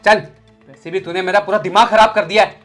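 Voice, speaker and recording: A man's voice: high-pitched, steady tone, fairly quick, a bit bright, faint music behind. A young man playing an arrogant employer who harshly and contemptuously scolds his maid. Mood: angry scolding. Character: arrogant young male boss, short-tempered. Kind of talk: short film acting.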